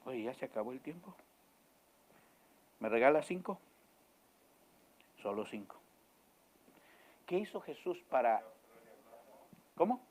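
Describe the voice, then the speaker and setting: A male pastor preaching in church, swinging from loud emphatic lines to hushed ones and questioning his congregation again and again. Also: mid-range voice. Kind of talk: sermon.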